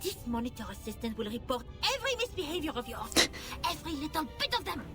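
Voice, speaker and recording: A fussy, self-important young girl official in a game. The voice is very high and swoops all over as she talks. Clear game music plays behind her. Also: very animated, fast. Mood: indignant. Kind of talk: game voice acting.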